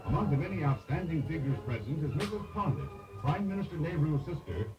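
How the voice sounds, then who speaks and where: A man's voice: a little high, big pitch swings, a little fast. A man narrating an old newsreel in a grand announcing delivery, heard from an archive recording. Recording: dull lo-fi echoey archive newsreel with music.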